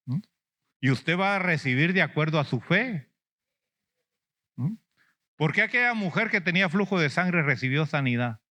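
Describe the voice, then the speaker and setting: Higher-voiced man preaching a lively sermon. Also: highs cut off. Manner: questions the congregation, answers with "mm?" and "ujú"; acts out lamenting believers in a higher whiny voice. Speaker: apostle preaching.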